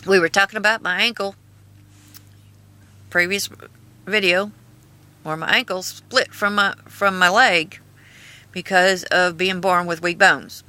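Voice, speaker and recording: A woman with an Appalachian-style hillbilly twang casually reads her own writing aloud with asides, in a halting, folksy, earnest way. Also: fairly low pitch, steady tone, bright, forceful tone. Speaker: video host and author reading own memoir.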